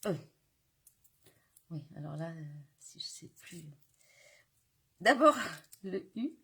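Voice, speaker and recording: Husky, gravelly woman demonstrating crafts slowly. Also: lowish voice, very animated, pushed and bright. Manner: chatty, addresses viewers directly. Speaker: crafter hosting a live video.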